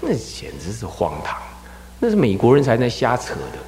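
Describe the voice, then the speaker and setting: A man from Taiwan, a Buddhist abbot, gives an animated dharma lecture and acts out scolding parents and crying children. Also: medium pitch, normal speed. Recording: echoey hall with long reverb.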